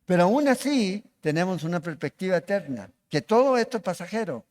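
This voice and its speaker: A man's voice: high voice, very animated, fairly quick, darkish tone. A man preaching a sermon as pastor, asking the congregation questions as he goes. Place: church hall. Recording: long reverb of a church hall.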